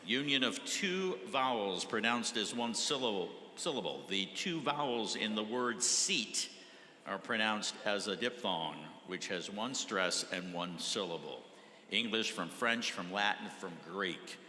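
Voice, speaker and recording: A man, pronouncing and defining words at a spelling bee, spelling them out slowly letter by letter with a dry joke now and then. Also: on the low side, animated, pushed and bright. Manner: slow, deliberate letter-by-letter spelling, dry jokes. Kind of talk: reading words and definitions aloud. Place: large event hall with an audience. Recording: echoey hall, faint noise.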